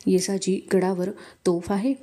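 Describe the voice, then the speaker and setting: A woman voicing a calm, authoritative male warrior king who speaks in measured tones. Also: medium pitch, lightly acted.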